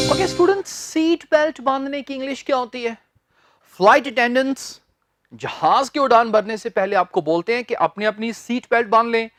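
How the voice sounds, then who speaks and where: A man's voice: very high-pitched, a bit bright, no echo, studio quality. A man teaching a spoken English lesson to Hindi speakers, spelling words out letter by letter and drilling their pronunciation.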